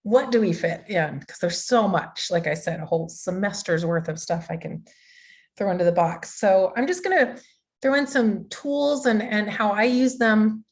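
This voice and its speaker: Woman, digital art instructor, casual online workshop, chatty, lots of fillers, video call mic, mid pitch. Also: animated, normal speed, darkish tone. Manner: chatty, loose, with many fillers and restarts. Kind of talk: live online workshop teaching.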